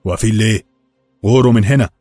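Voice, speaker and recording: A man voicing a harsh, domineering chief of palace servants who barks curt commands in a low, dry storybook reading. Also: quick pace, dark tone, no echo, soft background music, close to an everyday voice. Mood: furious.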